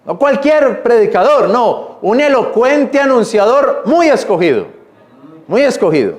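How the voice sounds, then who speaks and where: A man preaching a sermon in church, reading scripture slowly and explaining it in plain, repetitive words. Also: very high voice, very animated, darkish tone. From Colombia. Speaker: pastor.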